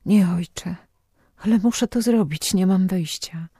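A man reading aloud and voicing a frightened young woman at confession, hushed and pleading, close to tears. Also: high voice, measured pace, no echo. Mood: pleading, tearful.

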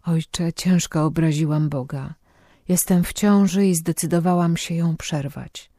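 A man reading aloud and voicing a frightened young woman at confession, hushed and pleading, close to tears. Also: on the high side, fairly even intonation, measured pace, no echo. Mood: pleading, tearful.

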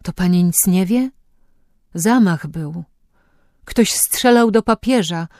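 A woman voicing a churchgoing neighbor woman who speaks gravely and urgently, in an audiobook. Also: on the low side, slow, dark tone, dry recording, clean studio sound.

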